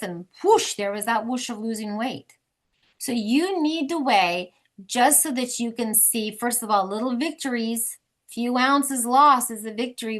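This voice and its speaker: A woman's voice: on the high side, fairly bright tone. A woman leading a weekly support group, chatty and encouraging as she gives the members instructions over a video call. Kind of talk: casual group talk, instructing.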